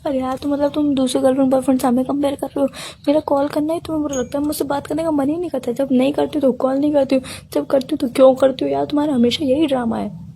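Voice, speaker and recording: Woman, comedic sketch, hushed indignant girlfriend, high voice, gravelly, quick talker. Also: fairly even intonation, slight background noise.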